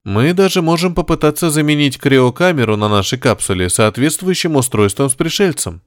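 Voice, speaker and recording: A man voicing a stern female spaceship commander who gives orders in a measured, firm way, slightly raised in pitch. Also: lively intonation, no echo, studio quality, lightly acted. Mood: commanding.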